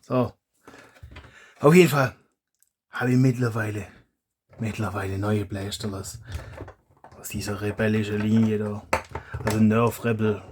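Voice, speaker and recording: A man's voice: lowish voice, steady tone, measured pace, pauses often, darkish tone, a little hiss or hum. A man, a hobby YouTuber chatting casually as he reviews toy blasters, rambling and correcting himself aloud.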